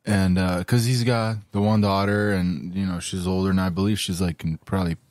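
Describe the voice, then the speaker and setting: A man's voice: low voice, fairly even intonation, a little fast, darkish tone, no room sound. A man in his thirties co-hosting a casual podcast chat about parenting, laid-back and swearing freely. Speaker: podcast co-host.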